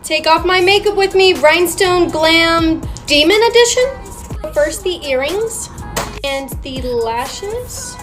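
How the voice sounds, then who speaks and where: Slow, high-voiced young woman narrating makeup removal. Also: lively intonation, fairly bright tone, soft background music. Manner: slow, grossed-out commentary.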